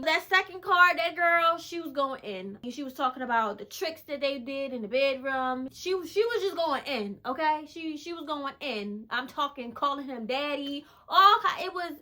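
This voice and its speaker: A woman's voice: high voice, animated, normal speed, sharp tone. A woman vlogger candidly telling a personal story in a conversational, emphatic way, repeating phrases for effect.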